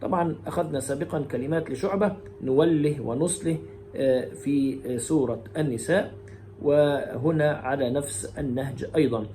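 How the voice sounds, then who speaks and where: A man teaching variant Quran readings, alternating brisk explanation with slow, melodic chanting of verses. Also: mid-range voice, mellow, a little hiss or hum.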